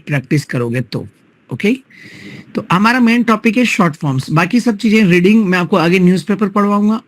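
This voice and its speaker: A man with an Indian accent leads a live online English-speaking class. He mixes Hindi and English and keeps checking in with his students through tag questions. His voice sits fairly high and sounds close and dry, with no room around it. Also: no echo. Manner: repetitive drilling, breaks words into sounds.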